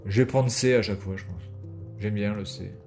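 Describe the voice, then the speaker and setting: A man's voice: on the low side, a little fast, a little mellow. Crude man commenting over game music. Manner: crude, sarcastic, swears freely. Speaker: video game streamer. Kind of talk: casual gameplay commentary.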